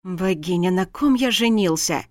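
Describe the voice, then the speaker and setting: A woman's voice: on the low side, animated, no room sound, clean studio sound. A woman voicing a mocking snake-shifter husband. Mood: exasperated. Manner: mocking, growling, drawn-out delivery. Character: sly, commanding young man, a snake shapeshifter husband. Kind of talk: audiobook character voice.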